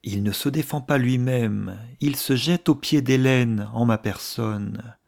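A man reading a novel aloud, voicing an effusive, gossiping older aristocratic woman with theatrical, hushed asides. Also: medium pitch, slow pace, vocal fry, pitched above the performer's own voice. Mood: conspiratorial.

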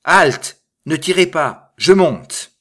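A man reading aloud and voicing a tiny ragged man with a shrill, brittle, piercing voice and indignant outbursts. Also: steady tone, moderate pace, fairly bright tone, lightly acted. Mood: panicked. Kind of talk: audiobook reading.

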